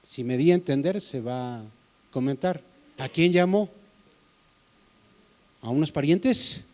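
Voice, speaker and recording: A man's voice: fairly high pitch, unhurried, darkish tone. A man preaching a sermon in a church as the pastor, in a conversational way, often asking the congregation questions.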